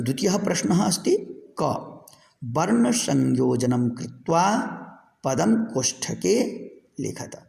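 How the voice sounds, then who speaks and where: A man's voice: medium pitch, vocal fry, darkish tone. A male Sanskrit teacher, drilling words and answering his own questions in a recorded class lesson. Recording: echoey room with long reverb.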